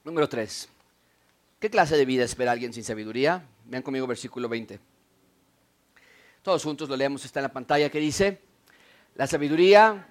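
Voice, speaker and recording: A man preaching a sermon as pastor, swinging between loud declarations and quiet asides. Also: medium pitch, expressive, normal speed, long pauses. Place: church.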